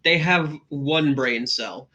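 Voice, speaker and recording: A man's voice: on the high side, takes it slowly, pushed and bright, lo-fi sound. A man playing a tabletop game over a call, in a playful, theatrical manner. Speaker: player.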